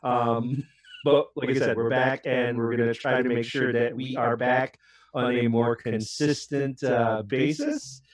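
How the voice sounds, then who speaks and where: A man hosting a casual gaming podcast, excitable and rambling, laughing between his words. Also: medium pitch, a little slow. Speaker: podcast host. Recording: roomy echo.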